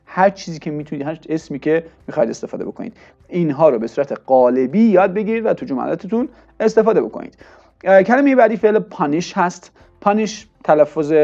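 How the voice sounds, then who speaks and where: A man's voice: a little high, gravelly, mellow. Man teaching English words. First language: Persian. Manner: explains in Persian, reads English examples slowly and deliberately. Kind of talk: vocabulary lesson. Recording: dull lo-fi sound with faint music.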